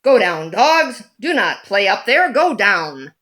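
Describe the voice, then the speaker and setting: A woman with a medium-pitched voice reads a children's picture book aloud, telling the story in a deliberate, animated way.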